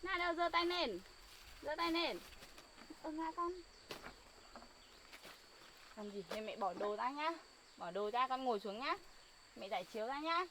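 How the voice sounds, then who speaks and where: A mother cooing softly to her small child in sing-song baby talk. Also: on the high side, expressive, normal speed, long pauses. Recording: loud insect and cricket noise outdoors.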